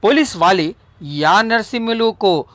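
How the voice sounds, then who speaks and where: A man narrating a short story in a measured, deliberate audiobook style, recorded close on a studio mic. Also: high-pitched, expressive, a bit bright, no echo.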